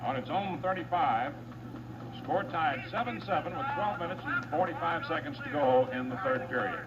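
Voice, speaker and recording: Announcer, man, fast-listing names and yardage, muffled old wire recording, steady hiss. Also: fairly high pitch. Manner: brisk, reels off names, yard lines and down-and-distance. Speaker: play-by-play announcer. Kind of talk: live radio football play-by-play.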